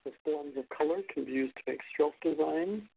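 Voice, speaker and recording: A man's voice: a little high, a little fast, gravelly, slightly rough. Man's tutorial voice replayed through a speaker. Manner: short step-by-step commands. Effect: instructional video played aloud from a phone held up to a speaker and re-recorded. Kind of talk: scripted instructional narration. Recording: tinny phone-like playback through a speaker.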